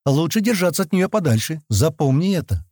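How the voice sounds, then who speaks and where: A man plays a sharp, decisive alien woman who leads colonists and gives orders without hesitation. Her voice sits raised and lively, swinging widely in pitch. The audiobook reading is dry and close. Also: fairly quick, no room sound. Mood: firm. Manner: firm, commanding. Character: decisive clever female alien colonist leader.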